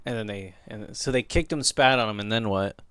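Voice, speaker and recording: A man co-hosting a podcast in casual chat, playful and teasing, quick to laugh. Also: lowish voice, fairly bright tone, clean tone, no room sound. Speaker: podcast co-host.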